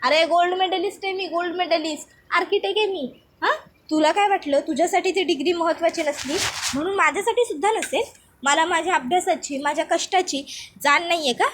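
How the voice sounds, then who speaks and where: A fiery, proud young woman, voiced by a woman narrator, hurling indignant insults in a very high voice. Faint ambience sits behind her. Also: a little fast, a bit bright, a little hiss or hum. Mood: furious.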